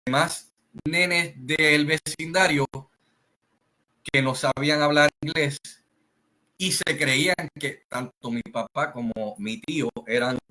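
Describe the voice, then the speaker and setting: A man with a Puerto Rican Spanish accent telling a family story in a slow, rambling way, full of fillers and restarts. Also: fairly high pitch, bright, forceful tone, rough recording. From Puerto Rico. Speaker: channel host. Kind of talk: casual storytelling monologue.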